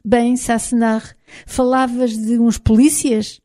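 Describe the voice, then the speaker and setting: A woman with a European Portuguese accent voicing a calm, commanding Highland man who leads a band of smugglers, in an audiobook. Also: slow. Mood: calm, wry. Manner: quiet, even-tempered, lightly wry. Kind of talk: audiobook character voice.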